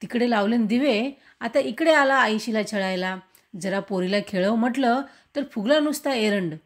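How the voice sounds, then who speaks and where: A woman voicing a harried village mother who scolds her son in a sharp, raised voice. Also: fairly high pitch, normal speed, lightly acted. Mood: angry scolding.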